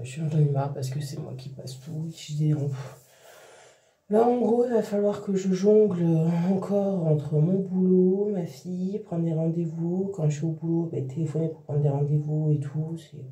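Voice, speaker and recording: Venting casually to her viewers, a tired mother talks at normal speed in a warm, fairly low-pitched voice, her sentences restarting and trailing off. The vlog audio has a roomy echo, with her a bit distant from the microphone.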